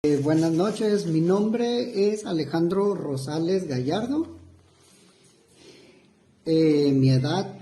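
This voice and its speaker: Psicólogo mexicano hablando en entrevista, tono cálido, muchas pausas y muletillas, sala con eco. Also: male voice, fairly high pitch, lively intonation, warm tone. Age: 40s. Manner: halting, many fillers and restarts. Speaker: psychotherapist interviewee. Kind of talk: hesitant interview answers. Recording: roomy echo.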